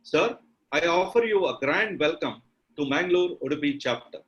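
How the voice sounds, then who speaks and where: A man giving a formal welcome speech over a video conference call, his audio breaking up, speaking with halting pauses. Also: on the high side, lively intonation, a bit bright, rough recording. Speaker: chapter official giving the welcome address. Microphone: computer or phone mic on a video call.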